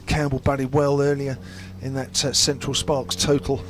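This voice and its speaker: Male lead commentator, mid-range voice, steady ball-by-ball calling, noisy live feed with planes overhead. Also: medium pitch, normal speed. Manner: calls play with steady ball-by-ball detail. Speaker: cricket commentator. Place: commentary box at a quiet ground. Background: aircraft noise overhead.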